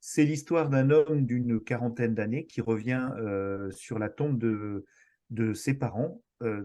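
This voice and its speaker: A man's voice: medium pitch, a little mellow. A man from France, a guest on a podcast, talking enthusiastically but hesitantly, with many fillers and restarts. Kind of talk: casual podcast chat.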